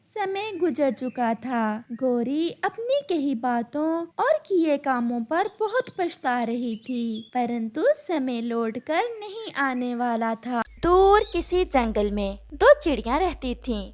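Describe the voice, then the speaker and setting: Woman storyteller, high pitch, slow measured cartoon narration. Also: big pitch swings.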